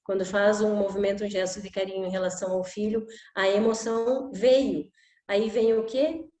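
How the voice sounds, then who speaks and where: A woman's voice: medium pitch, fairly even intonation, moderate pace, a little mellow. A middle-aged woman explaining emotional education in a conversational way, often adding "né?" and acting out examples. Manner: conversational, with frequent "né?" tags and acted examples. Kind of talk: informal talk to camera. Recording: echoey room.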